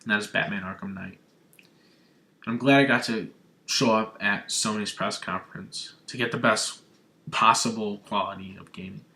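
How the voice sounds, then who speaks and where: A young man from Arizona recapping a gaming showcase on his vlog, talking with gushing, excitable fan enthusiasm. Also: fairly low pitch, normal speed, gravelly. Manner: gushing, breathless fanboy enthusiasm. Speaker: gaming vlogger. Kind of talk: excited video game recap.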